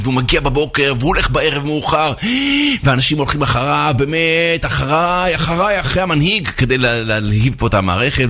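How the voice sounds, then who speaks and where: A man, a rabbi, telling a parable in a sermon, animated, with sound effects and acted voices. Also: mid-range voice. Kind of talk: storytelling sermon.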